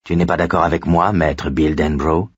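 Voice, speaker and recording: Guy reading a gruff old cop, low husky voice, kind underneath. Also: fairly even intonation, normal speed, dry recording, dull audio. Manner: gruff, fatherly.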